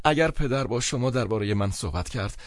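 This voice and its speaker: Man doing broke clown about thirty, urgent, pleading, stammering, animated voice, dry sound. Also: mid-range voice, no echo, voice pushed up, close to an everyday voice.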